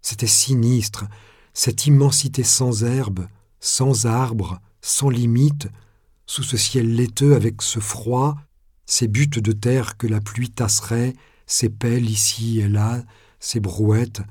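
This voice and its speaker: Male novel reader, husky timbre, close dry recording, measured delivery. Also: medium pitch, fairly even intonation, a little mellow, no echo. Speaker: narrator. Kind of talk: audiobook reading.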